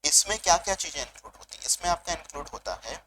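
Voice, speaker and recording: A man's voice: a little high, animated, fast, bright, forceful tone, slight background noise, poor audio. Hindi-English teacher quizzing his class. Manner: asks students questions and answers them himself; switches between Hindi and English mid-sentence. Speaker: commerce teacher. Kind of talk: online exam revision lecture.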